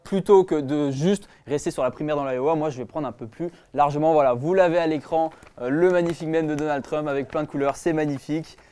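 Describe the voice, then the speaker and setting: Fast-talking young man, news co-host. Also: fairly high pitch, dark tone, smooth. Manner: quick, hesitant, many fillers. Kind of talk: casual news chat show.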